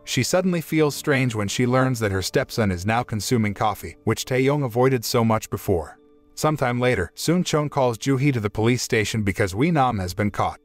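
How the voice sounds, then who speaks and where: A man narrating a scripted previously-on style recap of a drama series in a steady, expository storytelling manner. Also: medium pitch, dry recording.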